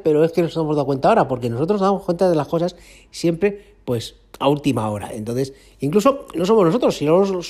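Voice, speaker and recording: A man's voice: high-pitched, warm tone. A man hosting a casual podcast, talking in a rambling, self-mocking way with many fillers and restarts. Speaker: podcast host.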